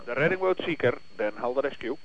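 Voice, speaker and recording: A man's voice: mid-range voice, lively intonation, brisk. A man working as a coast guard radio operator, heard over a marine VHF radio transmission, speaking in clipped, formal call-and-answer radio procedure. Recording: dull radio line with loud static.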